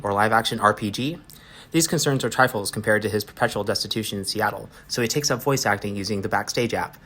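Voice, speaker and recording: A man reading a story aloud in a rapid, matter-of-fact way, with occasional slips. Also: fairly low pitch, fairly bright tone. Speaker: reader.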